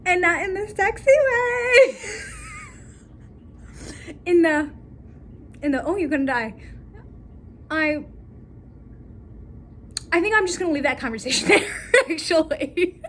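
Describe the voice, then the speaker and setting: A woman's voice: very high voice, expressive, slow pace, pauses often, slight background noise. A young woman recapping a book in a casual, giggly, rambling way, breaking into laughter as she talks. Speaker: book vlogger.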